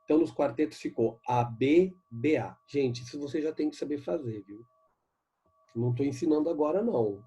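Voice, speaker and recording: A man teaching a literature lesson with a Brazilian Portuguese accent, reading poems aloud slowly and checking in with students as he explains. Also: a little high, warm tone, breathy edge, dull audio. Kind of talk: recorded online class lesson.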